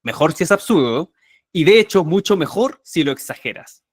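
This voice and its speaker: A man teaching a live online workshop on memorization techniques, emphatic and energetic, often repeating key words. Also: fairly high pitch, normal speed, dry recording, studio quality.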